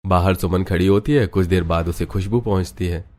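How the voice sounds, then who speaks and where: A man's voice: sits low, fairly quick, a little mellow. A man narrating a scripted Hindi family drama in a plain storytelling delivery.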